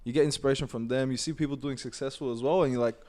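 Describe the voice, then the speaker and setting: A man talks fast at a middle pitch. He rambles with enthusiasm and fills his sentences with "like" as he chats about his brand. He sounds keen and loose throughout. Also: steady tone, darkish tone. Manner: rambling, filler-heavy, enthusiastic. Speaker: clothing brand founder. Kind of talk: casual podcast chat.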